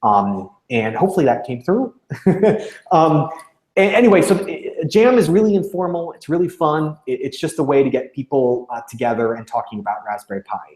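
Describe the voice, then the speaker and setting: A man's voice: medium pitch, darkish tone. Man with echoey roomy sound. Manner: halting, many fillers and restarts. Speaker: organization representative on a livestream. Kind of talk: casual informative chat.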